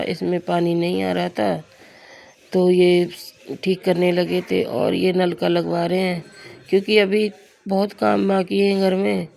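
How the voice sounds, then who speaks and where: Hoarse young woman, flat gravelly voice. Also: fairly low pitch. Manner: confiding, addresses viewers as friends. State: hoarse, sore throat. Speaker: vlogger. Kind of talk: casual everyday vlog narration.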